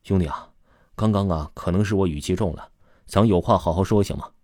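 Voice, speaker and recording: A man's voice: low-pitched, brisk, no room sound, clean studio sound. A man voicing a cocky, easily scared young man. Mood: pleading. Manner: blustering, shouts when frightened.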